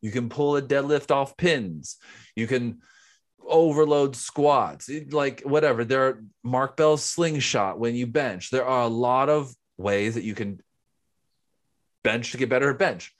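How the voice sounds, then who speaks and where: A man's voice: mid-range voice, a little slow. A man co-hosting a podcast in casual chat, explaining things step by step. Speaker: podcast co-host.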